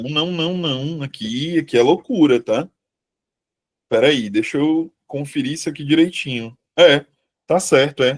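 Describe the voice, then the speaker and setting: Slow-talking Brazilian teacher going over exam answers. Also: male voice, a little high. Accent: Brazilian Portuguese. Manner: chatty, checks in with students, corrects himself aloud. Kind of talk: live online exam review class.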